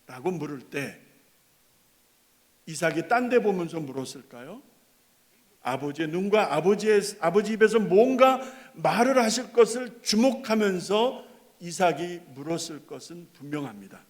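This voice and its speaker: A man preaching a sermon as pastor, dramatic, swinging between loud bursts and hushed tender lines. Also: high voice, lively intonation, moderate pace. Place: church sanctuary. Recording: long hall reverb.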